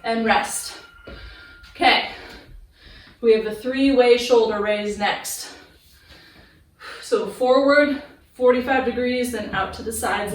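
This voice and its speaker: A woman with a fairly high voice coaches a workout like a fitness influencer, giving clear form cues and encouragement. She speaks in slow, spaced-out instructions and counts. The recording is very echoey, as if in an open room. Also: a little hiss or hum. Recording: echoey room, distant microphone.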